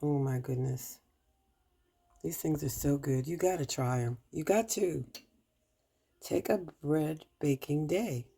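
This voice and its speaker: Woman, home baking vlogger: low, warm gravelly voice, chatty and homey with viewers from her kitchen. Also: slow, pauses often. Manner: chatty, talks to viewers while cooking, hums while tasting; talks with mouth full at times. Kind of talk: casual chat while baking.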